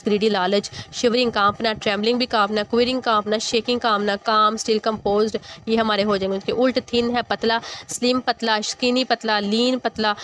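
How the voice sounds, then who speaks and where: A woman's voice: fairly high pitch, slight background noise. A woman English teacher, explaining an exercise word by word and often checking in with "okay". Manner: explains English words in Hindi-Urdu, repeats "ठीक है". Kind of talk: exercise walkthrough lesson.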